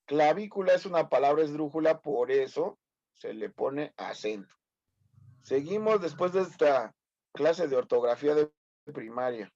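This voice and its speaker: A man in his fifties with a Mexican Spanish accent teaches medicine online, teasing students, correcting them and quizzing them frequently. His voice is on the high side and darkish, with lively intonation at normal speed. The sound is lo-fi.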